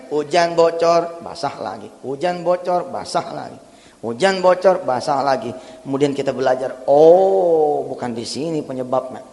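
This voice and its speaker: A man preaching a sermon, switching between lively talk and melodic chanted recitation of verses. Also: on the high side. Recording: long hall reverb.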